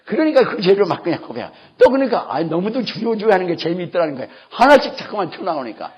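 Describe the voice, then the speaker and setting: Pastor guy preaching hard, husky kinda breathy voice, swings up and down a lot, muffled old tape sound. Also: high voice, sing-song, fast. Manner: emphatic preaching that bursts into shouting. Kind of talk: sermon. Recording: dull lo-fi sermon tape.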